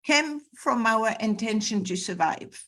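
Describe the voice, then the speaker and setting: Earnest higher-voiced woman teacher. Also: expressive, measured pace, a bit bright. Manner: earnest, emphatic, repeats words for stress. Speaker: spiritual teacher. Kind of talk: conversational interview on a call. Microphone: video call.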